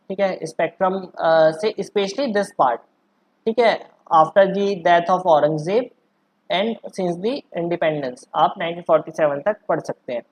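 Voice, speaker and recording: Woman, exam-prep tutor, lowish voice; conversational, hesitant delivery with frequent check-ins. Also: darkish tone. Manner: explains in a chatty way, often asks "ठीक है" and "है ना"; hesitant, with many fillers and restarts. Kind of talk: casual Hindi-English lesson.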